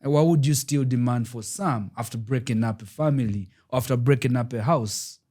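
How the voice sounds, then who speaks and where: A man's voice: mid-range voice, brisk, mellow. A man from Uganda co-hosting a casual podcast chat, emphatic and opinionated, often saying "man" and "yo.". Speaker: podcast co-host.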